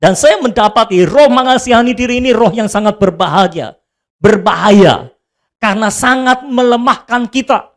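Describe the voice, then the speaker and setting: A male pastor delivers a sermon with a lively, swooping pitch that climbs high when he acts out pleading prayers. He jokes with the congregation and dramatizes quotes in his own voice. His delivery is expressive and animated. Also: moderate pace.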